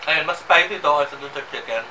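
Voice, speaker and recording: A man's voice: a little high, fast talker. A man with a Filipino accent, reviewing food casually and talking just after taking a bite. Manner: mixes English and Tagalog, tasting aloud. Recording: distant mic with clear ambient noise.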